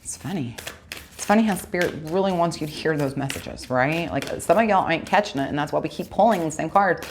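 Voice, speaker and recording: A woman's voice: low voice, fairly quick, slight background noise. A woman giving a casual tarot reading, chatting straight to her viewers and correcting herself aloud as she goes. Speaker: tarot reader.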